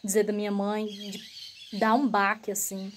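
A woman's voice: mid-range voice, normal speed, a crowd in the background. A woman vlogger telling her own story earnestly to her viewers, often turning to address them directly. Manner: relaxed, repetitive phrasing.

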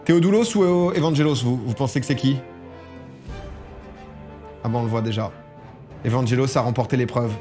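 A gaming streamer speaks at a medium pitch and normal speed, with little pitch movement and frequent pauses, sounding a little mellow. He chats casually through a strategy game let's-play, reading the game text aloud over soft background music.

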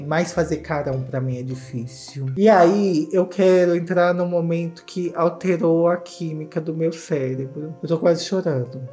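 A Brazilian man narrates a comedic reaction, his delivery campy, exclamatory and full of gossip. His voice is mellow and soft-edged. Faint music plays underneath. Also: fairly high pitch. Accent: Brazilian Portuguese. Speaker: YouTuber host.

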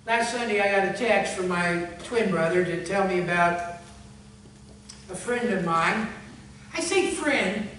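A man preaching a sermon as pastor, telling a story in a conversational way and closing in soft prayer. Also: high voice, lively intonation, measured pace, long pauses. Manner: conversational storytelling, earnest appeal, fading to hushed prayer. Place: church sanctuary. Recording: echoey church hall, far from mic, faint hum.

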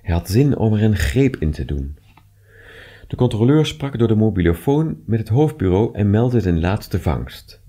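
A man reading short stories aloud with expressive, measured narration. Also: lowish voice. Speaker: reader.

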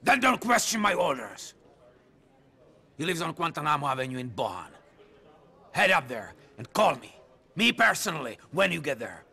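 Brief: paranoid crime boss for a game, husky, raspy, barking and threatening. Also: male voice, a little high, very animated, moderate pace, long pauses, pushed and bright, full character voice. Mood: menacing. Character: volatile paranoid male mob boss, menacing. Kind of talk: video game cutscene acting.

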